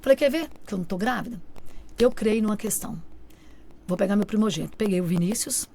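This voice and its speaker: Speaking fast in a mid-range voice marked by vocal fry, a woman gives an emotional personal testimony as a guest on a radio show. Her delivery in the studio is animated, and she often acts out the remarks of family and friends.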